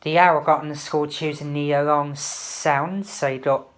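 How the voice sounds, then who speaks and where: Low-voiced woman doing a casual product review. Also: steady tone, normal speed. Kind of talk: casual unboxing and review chat. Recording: faint background noise and clicks.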